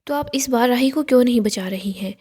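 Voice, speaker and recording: A woman reading the lines of a gentle middle-aged mother who implores and soothes, in a mellow voice. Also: on the high side, brisk, husky. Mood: defiant. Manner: imploring, soothing, read out plainly.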